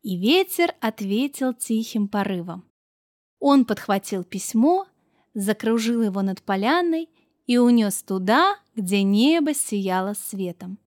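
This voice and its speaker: A woman narrating a children's story in a warm, gentle storytelling voice with expressive lifts. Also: mid-range voice, unhurried, no room sound, studio quality.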